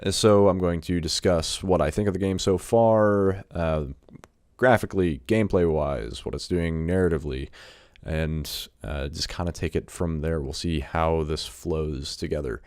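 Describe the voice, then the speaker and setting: Very deep-voiced man reviewing games casually. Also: normal speed, a little mellow, dry recording, clean studio sound. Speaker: video game review host. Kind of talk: casual first-impressions game commentary. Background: music.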